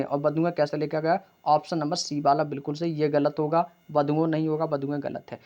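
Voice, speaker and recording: A man teaching an exam practice lesson, brisk, calling his students brother and asking then answering his own questions. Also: fairly high pitch, dull audio.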